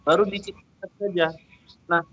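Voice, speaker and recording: A man's voice: high voice, little pitch movement, moderate pace, a bit bright, highs cut off, a little hiss or hum. A man teaching a programming class over a video call, guiding students patiently step by step while his audio keeps breaking up and cutting out. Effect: choppy call audio that keeps cutting out. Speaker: programming lecturer. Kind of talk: online class instruction.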